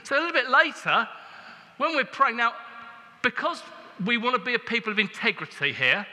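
A man preaches a sermon in a high, sharply bright voice. His delivery is conversational and joking, and it swells into emphasis. A long echo from a large church hall trails behind his words. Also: expressive, moderate pace.

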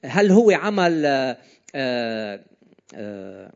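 A preacher with a Lebanese, Levantine Arabic accent speaks slowly in a creaky, medium-pitched voice that swings widely in pitch. His informal sermon is conversational and regularly puts questions to the listeners, heard through slightly dull, lo-fi sound.

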